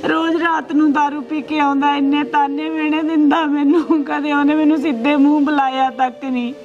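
A woman's voice: sits high, little pitch movement, moderate pace, darkish tone, muffled recording. An actress with a Punjabi accent playing a young married daughter who pleads tearfully with her father.

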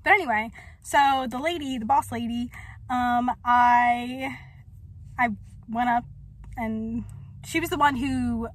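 A woman's voice: fairly high pitch, slow pace, pauses often. A young adult woman vlogging in a rambling, chatty way, full of fillers. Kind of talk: casual chat.

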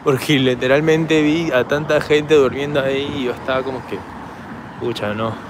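A hoarse man with a Peruvian Spanish accent rambles on in a casual walking vlog and speaks to his handheld camera at night. His voice sits at an ordinary mid pitch. Faint city traffic hums in the background. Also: steady tone, normal speed. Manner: chatty, rambling, talks straight to camera while walking. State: hoarse from shouting. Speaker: travel vlogger. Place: city park and streets at night, outdoors.

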